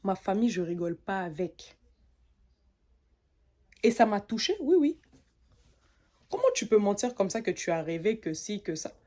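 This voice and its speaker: A young woman from French Guiana telling an animated, indignant story in a casual rant. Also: medium pitch, moderate pace, pauses often. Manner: animated, indignant, mimics others' voices. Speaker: content creator.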